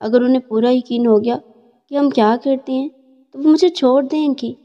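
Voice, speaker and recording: A nervous middle-aged mother who pleads and defends herself, voiced by a woman narrator. Her tone is high and mellow, heard through a dull recording with long reverb. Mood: anxious.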